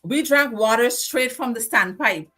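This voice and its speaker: A woman with a Guyanese accent, co-hosting a casual live-stream chat and telling lively stories about growing up. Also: fairly high pitch, unhurried, husky. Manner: animated nostalgic storytelling. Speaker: co-host.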